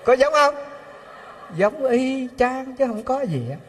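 A man with a Southern Vietnamese accent giving a storytelling Buddhist sermon, animated and full of rhetorical questions to the audience. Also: extremely high pitch, slow pace, husky. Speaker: Buddhist preacher. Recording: long hall reverb.

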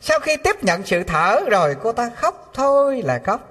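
A man with a Southern Vietnamese accent giving a storytelling Buddhist sermon, animated and full of rhetorical questions to the audience. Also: very high voice, a little slow. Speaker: Buddhist preacher. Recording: long hall reverb.

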